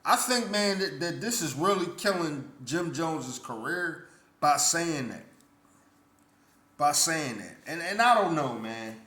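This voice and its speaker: A man's voice: fairly high pitch, lively intonation, unhurried, sharp tone. A man vlogging his blunt, indignant opinion in casual speech full of stammered restarts. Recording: roomy echo.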